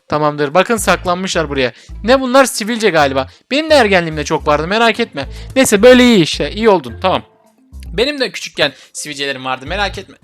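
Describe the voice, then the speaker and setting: Young guy with a high voice goofing around in a vr game, teasing and chatting to viewers, faint music behind. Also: pushed and bright. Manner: playful, teasing the fruit patients, chatty with viewers. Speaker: gaming YouTuber. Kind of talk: VR game commentary.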